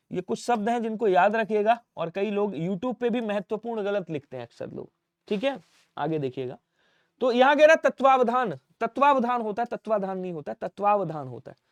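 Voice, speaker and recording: High-voiced man drilling spellings. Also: expressive, normal speed, dry recording. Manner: drills students with call-and-response questions; stresses and repeats spellings. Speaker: Hindi teacher. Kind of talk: online exam-prep lesson.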